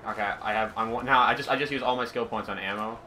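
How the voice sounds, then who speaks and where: A man's voice: mid-range voice, fairly even intonation, quick pace, sharp tone, slight background noise, poor audio. A man hosting a co-op gameplay session, chatting casually and rambling with lots of fillers. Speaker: gaming channel host.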